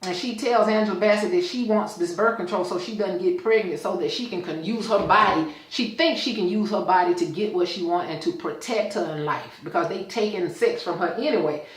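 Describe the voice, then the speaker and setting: A woman's voice: lowish voice, brisk, few pauses, reverberant, poor audio. A woman hosting a show, casually retelling an episode scene by scene and acting out its dialogue. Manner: retells scenes with quoted dialogue, checks in with "okay?". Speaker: show host reviewing a TV episode. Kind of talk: casual recap.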